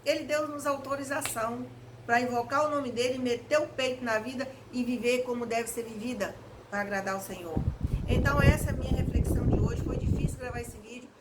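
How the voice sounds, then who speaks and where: A Brazilian woman speaks in a somewhat high voice, preaching informally in an earnest, exhorting way. She sounds like someone recording a personal reflection at home. A clearly audible fan hum runs behind her words. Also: steady tone, a little fast. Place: at home, indoors. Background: electric fan noise.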